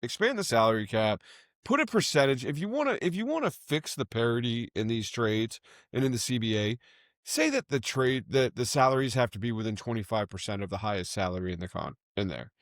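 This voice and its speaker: A man co-hosting a sports podcast, making his points with emphatic energy. His voice sits at an ordinary pitch. It is recorded dry and close, with no room sound. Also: fairly quick, dry recording. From Boston area. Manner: animated, emphatic, self-censoring swears. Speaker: podcast co-host. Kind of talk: casual sports chat.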